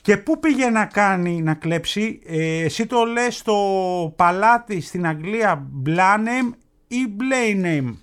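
A man co-hosting a radio show in casual banter, telling a news story slowly, with drawn-out words and dramatic pauses. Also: sits high, expressive, a bit bright, smooth.

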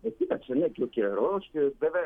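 A man's voice: on the high side, very animated, phone-quality sound. A man from Greece chatting casually, telling stories and acting out quoted dialogue. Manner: storytelling, acts out quoted dialogue. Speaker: guest, Greek living in Canada. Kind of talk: casual chat.

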